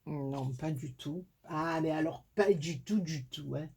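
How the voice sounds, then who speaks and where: Slow, husky southern French woman crafting. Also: deep voice, warm tone. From southern France. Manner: chatty, talks to herself and teases herself while working. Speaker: crafting tutorial host. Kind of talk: casual craft tutorial.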